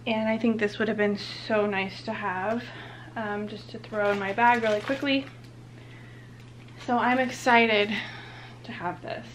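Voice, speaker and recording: A woman's voice: mid-range voice, steady tone, unhurried, slight background noise. A young woman, heavily pregnant and a bit out of breath, chatting casually through a product unboxing as a vlogger. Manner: chatty, upbeat.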